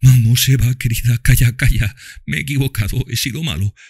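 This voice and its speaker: A man's voice: mid-range voice, brisk, darkish tone, slightly rough, no echo, studio quality, pitched above the performer's own voice. Male reader as grief-stricken father, pained and pleading, lifted voice, audiobook. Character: grieving, bitter wealthy father.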